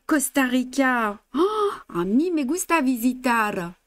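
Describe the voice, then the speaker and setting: Here a French woman in her fifties runs a live embroidery class in a blue-backdropped indoor studio, talking in a chatty style with frequent laughter and bits of English and Spanish. Her high voice swings widely in pitch while she goes slowly. No room sound can be heard, and her accent is French.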